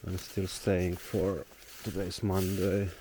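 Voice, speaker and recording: A man's voice: deep voice, monotone, slow pace. A young man from Slovenia with a Slovenian accent, casually vlogging and thinking aloud while hiking through a forest. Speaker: solo traveler vlogger. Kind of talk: casual walking vlog. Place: forest outdoors. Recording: noisy outdoor nature ambience.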